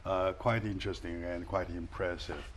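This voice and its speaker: A man hosting an interview show, speaking in a halting way with many fillers and restarts. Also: deep voice, steady tone, slight background noise. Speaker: talk show host. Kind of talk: casual interview.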